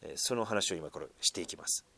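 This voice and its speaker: A man's voice: fast talker, vocal fry. A man preaching a sermon to a congregation, with frequent fillers, sometimes calling on listeners directly. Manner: lively swings in pitch and loudness, many fillers, asks congregation. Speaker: pastor.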